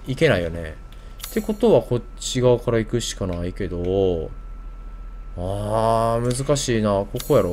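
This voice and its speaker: A man's voice: medium pitch, a little hiss or hum. A man with a Kansai Japanese accent doing casual video game commentary, thinking aloud in short muttered questions.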